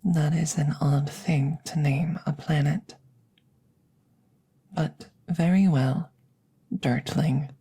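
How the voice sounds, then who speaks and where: A woman voices a female alien examiner for an ASMR audio roleplay, using an exaggerated, low and very slow delivery that is soft, often whispered, mellow, breathy and slightly gravelly. Her intonation stays fairly even, and she is formal, clinical and curious, with precise, carefully measured phrasing. The mood is hushed and clinical.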